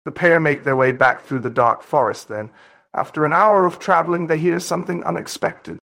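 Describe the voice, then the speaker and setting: A man's voice: on the high side, normal speed, vocal fry, a bit bright. A man acting as game master, setting scenes in a plain, brief way. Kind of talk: narrating a role-play game.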